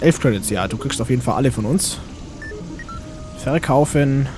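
Animated man rambling through game commentary. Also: mid-range voice, moderate pace. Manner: rambling, talks to himself and game characters. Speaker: let's play host. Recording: game music behind the voice.

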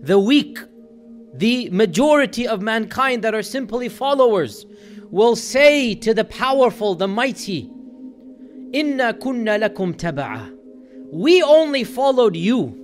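A man with a notably high-pitched voice delivers a religious lecture in an earnest, emphatic way. He builds intensity as he makes his points. Soft music plays faintly beneath him. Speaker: Islamic lecturer.

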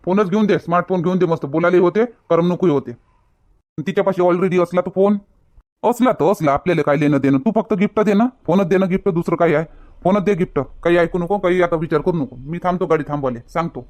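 A man's voice: high voice, quick pace, a little mellow. A man acting in a village comedy skit, talking in a bossy, grumbling way. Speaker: comedy sketch actor.

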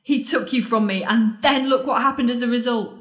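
This woman speaks fairly quickly with a higher-pitched, everyday-sounding voice. Acting in an audio drama, she portrays a scornful woman confronting the love she lost, and her tone is angry, bitter, sardonic and accusing, heard in an echoing, spacious room.

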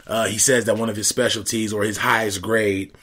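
A man's voice: fairly low pitch, breathy edge. Joking man ranting about a movie. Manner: animated, joking, bursts into fast excited rants. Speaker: co-host of a movie recap show. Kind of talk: casual movie recap chat.

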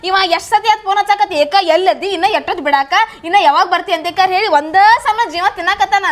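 A woman's voice: very high-pitched, fast talker. A young woman, playing a coaxing, reassuring younger sister in a scripted comedy skit.

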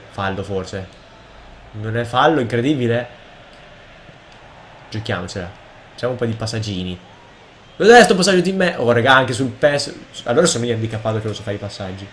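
A young man with a cold and sore throat, casually commenting on his own football video game match and bursting into shouts at goals. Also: fairly low pitch, slight background noise. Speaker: gaming video host.

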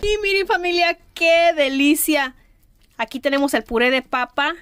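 A woman's voice: high-pitched, expressive, moderate pace, no echo, clean studio sound. A woman narrating a cooking tutorial voice-over in a homey, enthusiastic way. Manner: warm, homey, enthusiastic about the food. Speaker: cooking channel host.

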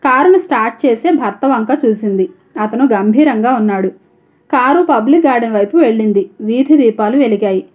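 A woman narrating a story in a steady, even reading voice. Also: fairly high pitch, a little fast. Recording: dull lo-fi audio.

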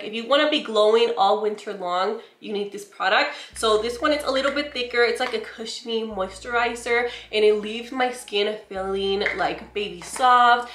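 A beauty vlogger speaks to camera from her bedroom, casually going over a product haul in an echoey room. Her voice is loud and medium-pitched, and she's chatty and emphatic, frequently saying "girl" and "you guys."

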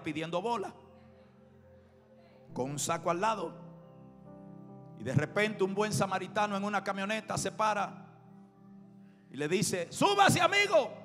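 High-pitched shouting preacher man. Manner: shouting, impassioned preaching with anecdotes. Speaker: pastor. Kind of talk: preaching sermon. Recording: reverberant hall with music behind.

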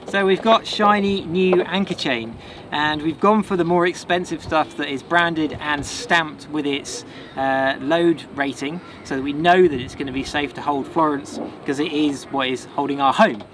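Out on his boat and a marina dock, a man in his thirties who makes sailing vlogs walks through maintenance jobs in a relaxed, practical way as he works. His voice is on the high side at a normal speed, heard over music with outdoor noise in the background.

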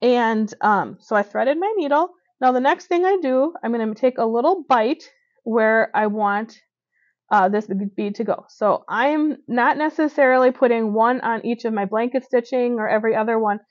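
This hands-on craft demo features a woman with a voice on the high side, talking at a moderate pace as she shows a beaded edging stitch step by step. A stitching instructor working indoors at a table, she uses fillers and corrects herself now and then. The audio is muffled but free of echo.

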